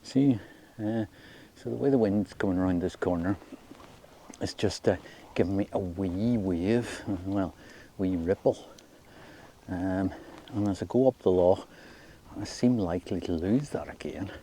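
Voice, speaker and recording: A Scottish man chatting casually in an unhurried, low-key way, as if musing to himself while presenting his fishing outdoors. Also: mellow. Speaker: angler presenting own fishing outing. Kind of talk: casual fishing vlog commentary. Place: outdoors by a loch. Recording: noisy outdoor ambience.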